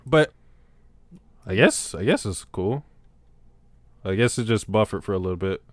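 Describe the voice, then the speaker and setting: A man hosting a casual livestream podcast, talking in an animated, slangy way and laughing often. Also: on the low side, unhurried, no room sound. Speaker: podcast host.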